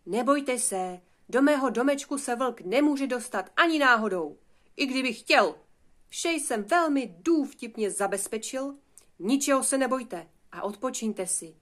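A woman voicing the wise, hardworking eldest piglet in a storybook, speaking in a calm, measured and reassuring way. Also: high-pitched, voice pushed up.

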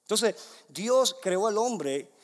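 A young adult man preaching a sermon, moving between loud emphatic declarations and soft hushed passages. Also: high voice, expressive, takes it slowly. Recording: long hall reverb.

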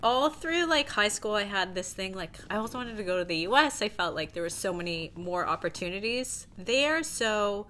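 A woman's voice: medium pitch, normal speed, few pauses, slight background noise. A woman in her forties from Toronto, chatting casually as an interview guest, full of "like" and easy laughter. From Toronto, Canada. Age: 40s. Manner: relaxed and chatty, peppered with "like" and laughter. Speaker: guest, fashion stylist.

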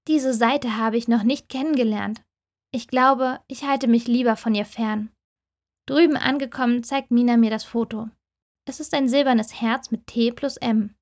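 A woman hosting a book podcast, reading a novel excerpt aloud in a steady, clear way. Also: on the high side, normal speed. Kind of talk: audiobook reading and podcast outro.

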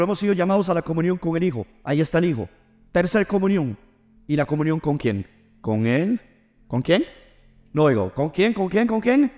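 A middle-aged pastor preaches in a high, lifted voice. He talks in an animated way and keeps calling on the congregation to answer him back. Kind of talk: sermon.

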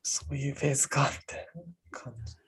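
Soft, breathy-voiced man chatting casually. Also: steady tone, fast, whispered. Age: 30s. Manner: rambling, many fillers, soft and low-key. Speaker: podcast co-host. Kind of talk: casual chat. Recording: faint music underneath.

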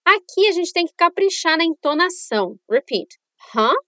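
Casting High-pitched woman podcast teacher, clear and encouraging, dry close sound. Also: very animated, moderate pace, fairly bright tone, no room sound. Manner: clear, upbeat teacher modeling phrases for repetition. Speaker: English teacher, podcast host. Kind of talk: bilingual language lesson podcast. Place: lives in New Zealand.

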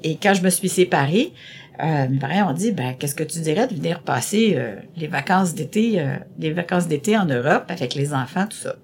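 A woman's voice: sits low, expressive, fairly quick, a little mellow, slight background noise. A middle-aged woman with a Québécois French accent answering interview questions in a chatty, rambling way, with many hesitations and repeated words. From Quebec. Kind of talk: casual conversational interview.

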